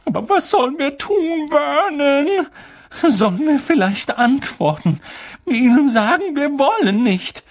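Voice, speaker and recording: A reader doing a shrill, trembling aunt. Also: sing-song, measured pace, full character voice. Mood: anxious. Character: shrill, nervous middle-aged aunt. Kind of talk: audiobook character voice.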